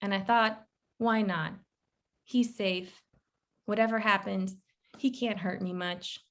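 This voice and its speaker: Une autrice lit sa nouvelle à voix haute, d'un ton posé et ironique. Sa voix de femme, de hauteur moyenne, suit calmement le récit à la première personne. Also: female voice, mid-range voice, slow. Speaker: author reading her fiction. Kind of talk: literary reading aloud.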